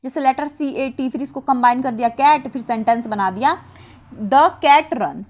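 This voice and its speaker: Woman teacher, high voice, rhetorical question-and-answer delivery. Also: a little mellow. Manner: asks rhetorical questions then answers them; repeats key terms slowly. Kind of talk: exam-prep lecture.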